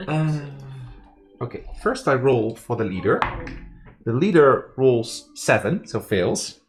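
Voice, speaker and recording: Very low-voiced woman game master. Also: very animated, slow pace, noisy background. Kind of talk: running a tabletop roleplaying game, casual.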